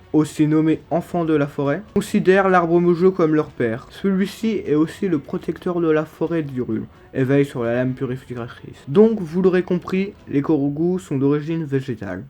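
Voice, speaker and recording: A man's voice: a little high, moderate pace, hardly any pauses, a little mellow. A man with a lisp, slushy s sounds and slurred articulation, narrating humorous video game theories in a mock-serious, emphatic manner. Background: background music.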